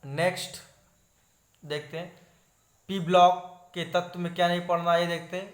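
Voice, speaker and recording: Echoey Hindi-speaking chemistry teacher. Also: male voice, sits high, normal speed. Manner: steady listing tone, repeating "not to study", addressing viewers as friends. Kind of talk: online exam-syllabus lesson.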